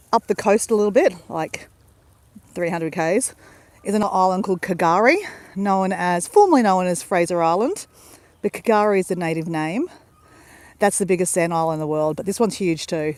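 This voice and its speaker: A woman's voice: lowish voice, a little mellow, no room sound. A woman with an Australian accent, chatting in a bubbly, rambling way to viewers of her live stream, recorded outdoors on a beach at sunrise on a handheld phone. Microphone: handheld phone camera.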